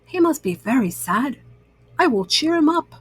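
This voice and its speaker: A woman's voice: high voice, very animated, moderate pace, dry recording, soft background music. A woman voicing an earnest, anxious male toad in a children's story, with a plaintive way of talking. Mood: puzzled, concerned.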